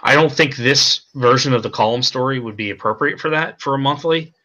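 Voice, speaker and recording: A man being interviewed as a comic creator, talking in a halting way with many repeated words and restarts. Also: medium pitch, bright, forceful tone, rough recording. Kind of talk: casual stream interview.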